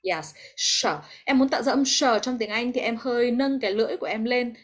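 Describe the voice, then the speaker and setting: A woman English teacher with a Vietnamese accent leads an online class over a video call. Her voice sits fairly high. She explains step by step and encourages her students, mixing English terms into her explanations. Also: fast talker.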